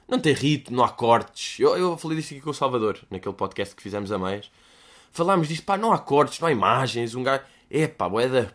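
This is a young man with a European Portuguese accent who hosts a podcast and talks straight to his listeners. His voice sits at an ordinary middle pitch but moves up and down a lot. He rambles in a relaxed way, making fun of himself and slipping into mock-dramatic asides. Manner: jokey, self-mocking, with mock-dramatic asides. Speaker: podcast host. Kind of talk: casual solo chat answering listener questions.

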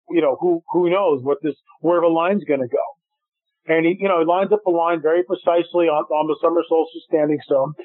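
A man telling stories in a radio interview, animated, acting out what people said. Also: a little high, no room sound. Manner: animated storyteller, acts out quotes. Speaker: guest filmmaker. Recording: dry tinny phone line.

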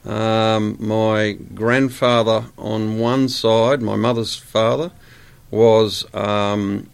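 An Australian man in his sixties, a guest chatting in a relaxed interview, rambling with many fillers. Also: fairly low pitch, drawn-out words, vocal fry, clear, resonant tone. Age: 60s.

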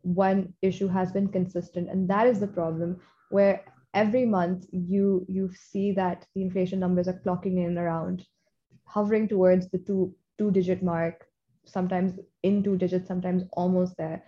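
A woman's voice: lowish voice, flat delivery, moderate pace. A woman with a Pakistani accent in a conversational discussion, speaking English with the odd Hindi-Urdu word. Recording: dull, lo-fi audio.

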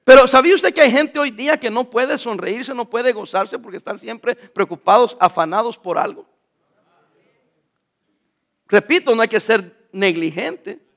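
A man's voice: extremely high pitch, animated, a little slow, vocal fry, fairly bright tone. A middle-aged man preaching a sermon as a pastor, jovial and joking with the congregation.

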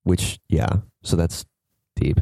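A young man co-hosting a podcast in casual chat, animated and joking, laughing often. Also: slow pace, no echo. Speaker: podcast co-host.

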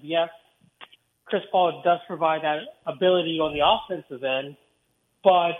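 A man calling into a sports radio show, his voice coming through a tinny phone line that sounds like it is inside a tin can. He lays out his argument point by point. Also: high-pitched. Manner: analytical, builds a case point by point. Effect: tinny phone line, like talking inside a tin can. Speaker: caller. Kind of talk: sports call-in analysis.

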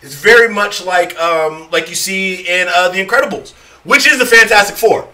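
Bright-voiced man, a bit off-mic. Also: high-pitched, normal speed, recorded from a distance, rough recording. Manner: enthusiastic, explains at length, laughs often. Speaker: podcast co-host. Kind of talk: casual chat.

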